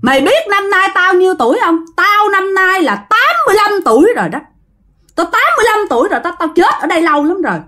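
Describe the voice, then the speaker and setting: A woman's voice: very high-pitched, sing-song, fast, sharp tone, pitched above the performer's own voice, heavily acted. A woman voicing a menacing male ghost speaking through a possessed girl, with a growling, threatening delivery. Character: menacing ghost of a drowned boy, now male.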